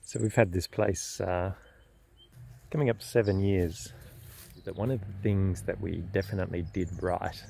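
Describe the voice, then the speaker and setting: A middle-aged man with an Australian accent talks through his vlog outdoors in an orchard garden. His voice sits low and carries a gravelly edge. He speaks in a measured, thoughtful way, with plenty of ums and restarts. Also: fairly even intonation, warm tone. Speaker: smallholder vlogger. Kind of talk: casual explanatory vlog.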